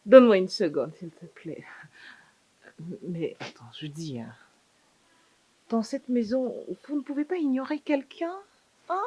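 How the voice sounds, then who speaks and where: A woman's voice: on the high side, expressive, a little slow, pauses often, mellow, husky, no echo, muffled recording. A young woman playing a sassy, scheming younger aunt in a sitcom, needling everyone with rhetorical questions and repeated "hein". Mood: scolding. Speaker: sitcom actress. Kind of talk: comedic sitcom acting.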